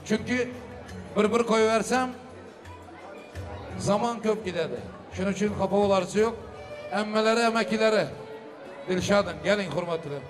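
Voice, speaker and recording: A man working as a booming wedding announcer, hosting live and ceremoniously calling out blessings and requests for applause. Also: moderate pace, pauses often, over music. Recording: live hall with crowd noise. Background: crowd and ambient noise.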